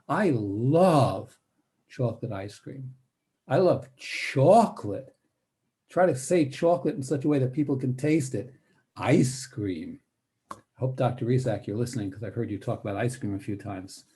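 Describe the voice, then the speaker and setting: Older male presenter, mellow low tone, measured workshop delivery with deliberate pauses and shifting emphasis. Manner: deliberate, pausing between phrases; demonstrates varied word emphasis. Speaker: guest presenter on speech strategies. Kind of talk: spoken workshop talk with demonstrations.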